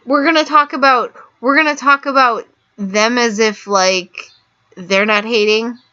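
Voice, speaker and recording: Slow, sarcastic woman commentator. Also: on the high side, sharp tone, lo-fi sound. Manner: sarcastic outbursts between slow rambling asides; frequent "like" and "um" fillers. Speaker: political commentary vlogger. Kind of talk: casual commentary.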